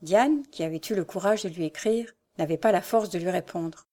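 A woman reading a classic novel aloud as narrator, in a measured, expressive way. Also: lowish voice.

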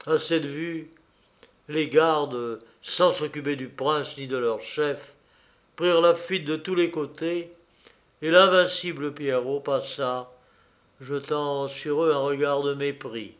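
A man reading a fairy tale aloud in a measured, expressive narration. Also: a little high. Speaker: storyteller. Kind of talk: storybook reading.

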